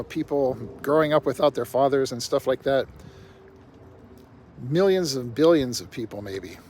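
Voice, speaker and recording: An older man vlogs bluntly to camera in a rambling, casual monologue sprinkled with "you know." His voice is medium-pitched and darkish, with faint traffic noise outside.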